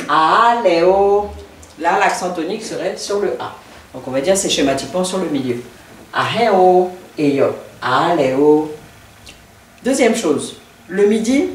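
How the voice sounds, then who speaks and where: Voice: mid-range voice, echoey room, distant mic, a little hiss or hum, low-quality recording. A language teacher giving a video lesson, speaking carefully and repeating each word several times while writing on a board. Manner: writes on a board while explaining.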